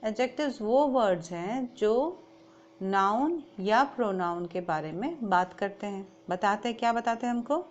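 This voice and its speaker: A woman with an Indian accent teaches a grammar class. She says each point in English and then explains it again in Hindi, in the plain, steady voice of a classroom teacher. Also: medium pitch, a little slow, dull audio.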